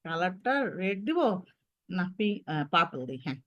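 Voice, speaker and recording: A woman's voice: lowish voice, animated, moderate pace, fairly bright tone, dry recording, lo-fi sound. A woman with a Bangladeshi Bengali accent teaching Arabic letter sounds to children in an online lesson, patiently modeling each sound.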